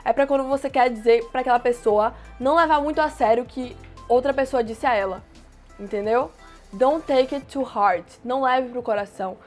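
A woman teaching everyday English phrases, explaining plainly and repeating each phrase slowly. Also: a little high, soft background music. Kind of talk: casual language lesson.

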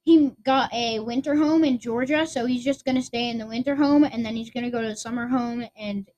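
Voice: mid-range voice, fairly even intonation, brisk, a little mellow. A podcast co-host chatting casually, giggling and losing her train of thought. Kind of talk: casual chat.

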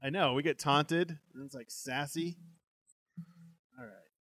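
A man's voice: fairly high pitch, unhurried, fairly bright tone, no echo, clean studio sound. A young man co-hosting a show, reading a gamebook aloud with banter and frequent laughs. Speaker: podcast co-host reading a gamebook.

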